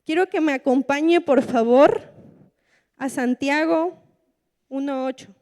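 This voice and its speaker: High-voiced woman preaching. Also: slow pace. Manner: animated, acts out excuses of churchgoers in quoted voices. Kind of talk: sermon. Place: church meeting room.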